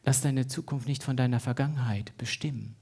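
Ein Mann hält eine Predigt und liest zwischendurch eine Bibelstelle vor, mit kleinen Versprechern. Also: male voice, medium pitch, mellow, husky. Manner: unhurried, reads scripture aloud with small slips. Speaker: preacher. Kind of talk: sermon.

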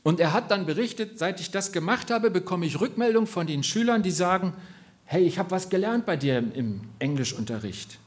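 A man's voice: high voice, animated, a little fast. Earnest German-speaking preacher, man. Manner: earnest, appealing directly to listeners with questions. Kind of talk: sermon.

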